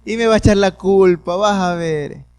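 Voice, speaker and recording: A woman's voice: mid-range voice, normal speed, darkish tone, smooth, no echo, pitched above the performer's own voice, close to an everyday voice. A man voicing his elderly grandmother, who talks in a plaintive, whiny way as she frets and protests. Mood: fretful. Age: older. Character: fretful elderly grandmother, fussing and fearful.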